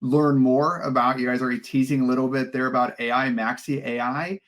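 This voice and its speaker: A man's voice: mid-range voice, flat delivery, brisk, a bit bright. A man hosting a marketing podcast, upbeat and friendly, reading his opening and asking guests questions. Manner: upbeat, friendly host patter. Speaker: podcast host. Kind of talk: scripted podcast intro and interviewing.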